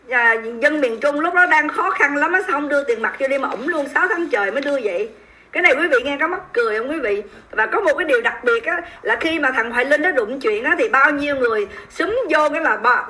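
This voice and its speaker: This livestream host, a woman with a Southern Vietnamese accent, talks straight to her viewers while commenting on the news. Her high voice carries a bright, sharp edge, and her delivery comes across as emphatic, indignant, scornful and mocking.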